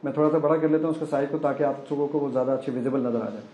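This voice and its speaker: A man's voice: medium pitch, steady tone, dark tone, slight background noise. A man giving a live presentation to an audience, demonstrating an app and explaining each step to the room. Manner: explanatory, addresses audience directly. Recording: echoey hall.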